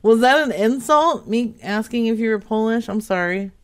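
A woman's voice: on the high side, moderate pace. A young woman hosting a live prank call show, talking casually and bluntly with giggles. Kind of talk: live-streamed prank calls.

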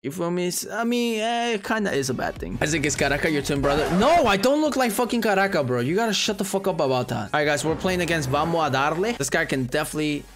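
A young man doing casual live game commentary as a streamer, excitable and sweary, with brash frat-bro slang, close on a desk mic. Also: on the high side, fast, few pauses. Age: young adult. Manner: excitable, often shouting. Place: small bedroom streaming setup indoors. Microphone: close desk microphone. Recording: music behind the voice.

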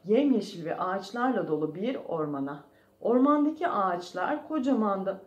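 A preschool teacher reads a storybook aloud to young children and gently asks them questions. Her voice is medium-pitched and animated at a normal pace. The recording is muffled and the room is echoey.

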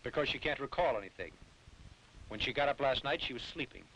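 An actor playing a calm, earnest doctor and father in a 1950s dubbed film. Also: mid-range voice, brisk, lo-fi sound. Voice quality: earnest, reasoning. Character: calm male doctor, worried family father.

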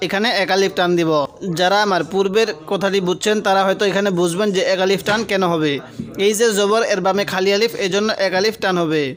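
A man teaching Quran reading, spelling each letter out and then reciting the drawn-out syllables, explaining the rules patiently and asking the viewer questions. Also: sits high, fairly even intonation.

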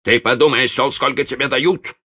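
A man voicing a fat, pompous doctor who talks down in a bossy bass. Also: steady tone, brisk, pushed and bright. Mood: pompous menacing. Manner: condescending, booming.

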